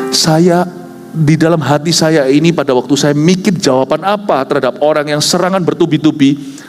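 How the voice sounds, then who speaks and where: A man in his fifties, a pastor telling a personal story in a sermon, acting out dialogue with big jumps in his voice. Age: 50s. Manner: animated, acts out dialogue with big pitch swings. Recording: preached in a hall with reverb, music underneath.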